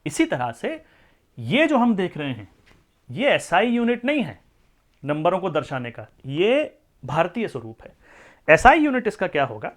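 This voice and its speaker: A man teaching a maths class in a voice pitched a little above most men's. He works through each point patiently and keeps checking whether the students follow. He switches into English to read out the numbers. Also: huge pitch swings, measured pace. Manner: explains step by step, often asks the class questions. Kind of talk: classroom lecture.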